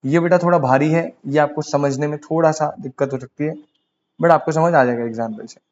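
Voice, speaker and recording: With a slightly high, brisk yet somewhat mellow voice and the upper frequencies cut off, this Indian-accented man delivers a casual commerce law class in Hindi and English. Students get called "beta" and face his rhetorical questions.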